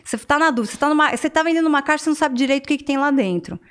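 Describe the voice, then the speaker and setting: A woman with a Brazilian Portuguese accent and a high voice, a career strategist telling stories in an animated way as a podcast guest. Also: very fast. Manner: self-described high voice, animated storytelling. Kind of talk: podcast interview.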